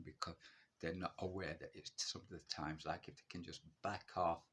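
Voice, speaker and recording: A man's voice: low voice, fairly bright tone, slight background noise. A man in his early sixties talking straight to the camera in a blunt, defiant monologue, asking himself questions and answering them at once. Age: 60s. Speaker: vlogger sharing his illness.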